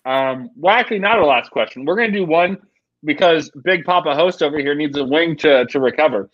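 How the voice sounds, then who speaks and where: A man's voice: on the high side, a little fast, dry recording. A man hosting a casual faith chat over a video call, loose and playful. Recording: dry, dull lo-fi sound.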